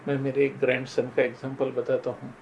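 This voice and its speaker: A man's voice: mid-range voice, little pitch movement, fairly quick, gravelly, a little hiss or hum, poor audio. Earnest older man telling moral stories. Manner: earnest storytelling, often addresses listeners as friends. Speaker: motivational speaker. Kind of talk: motivational talk with personal stories.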